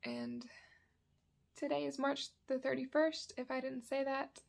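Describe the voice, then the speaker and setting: Woman, high voice, heavy vocal fry, chatty and rambling, dry throat. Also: very animated, unhurried. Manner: rambling, chatty, self-correcting. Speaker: cross-stitch vlogger. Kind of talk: casual chat. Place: indoors at home, sunny spot.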